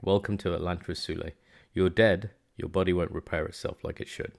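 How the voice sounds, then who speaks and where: A man's voice: low voice, fairly even intonation, fairly quick, gravelly. A man voicing a blunt foreign male exile with a dry, sardonic manner. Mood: wry.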